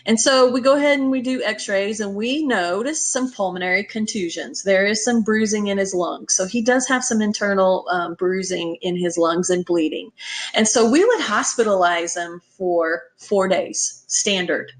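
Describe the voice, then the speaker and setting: A woman's voice: mid-range voice, normal speed. A woman giving a conversational lecture on veterinary emergency care, emphatic and often checking in with listeners. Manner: emphatic, checks in with "okay?" and "right?".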